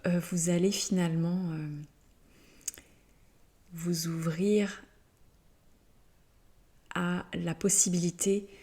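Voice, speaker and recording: A woman delivers a channeled spiritual message at an unhurried, drawn-out pace, her voice set somewhat low. She speaks gently and haltingly, filling gaps with soft hesitations while she searches for her words, and she yawns now and then as she goes. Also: breathy edge. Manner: hesitant, halting, many fillers and pauses; yawns often during the session.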